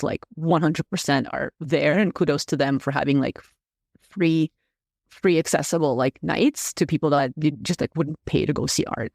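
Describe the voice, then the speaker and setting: A man from Russia, a native Russian speaker, chats casually as a podcast guest in an interview. His slightly high, gravelly voice rambles, full of fillers and restarts. The recording is studio quality with no room sound.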